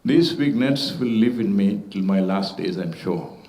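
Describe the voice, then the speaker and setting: A Malayalam-speaking man addresses a literature festival panel, his lowish, expressive, slightly mellow voice echoing through the auditorium. He keeps things formal and deliberate, hesitating now and then with an um or uh.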